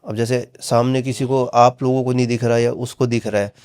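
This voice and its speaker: A man's voice: medium pitch, flat delivery, a little fast, a little mellow, clear, resonant tone. A man casually recounting a horror story on a podcast, acting out the dialogue with frequent "he said" tags. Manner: retells dialogue with many "he said" tags.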